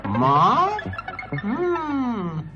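A woman's voice: on the high side, wildly swooping pitch, dull audio, over loud music. A woman voicing a timid poor male peasant in a dubbed cartoon, who stammers and wails. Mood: puzzling. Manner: stammering, wailing. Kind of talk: cartoon dubbing.

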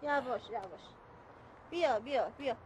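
A woman acting in a comedy scene, fussing over someone and scolding him gently. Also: fairly high pitch, lively intonation, slight background noise. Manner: fussy, caring, scolding. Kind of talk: sitcom acting.

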